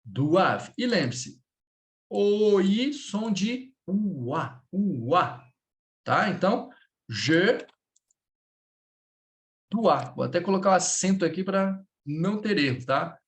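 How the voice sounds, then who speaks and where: Slow, lively Brazilian French teacher. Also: male voice, high voice. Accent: Brazilian Portuguese. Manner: patient, repeats words slowly, checks in with students. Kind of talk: live language lesson.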